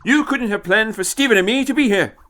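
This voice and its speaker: A man's voice: high-pitched, fairly quick, sharp tone, voice pushed up. A man voicing an indignant, triumphant old time-traveller in an audio story, with emphatic, theatrical exclamations. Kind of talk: audio short story character.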